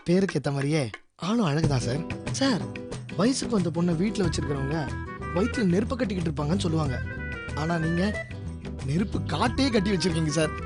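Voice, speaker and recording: A cheeky college boy. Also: sits high. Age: young adult. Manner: cheeky, sarcastic, teasing. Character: cheeky young male college student. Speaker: college student hanging around the house. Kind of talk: TV serial acting. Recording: TV serial with music behind.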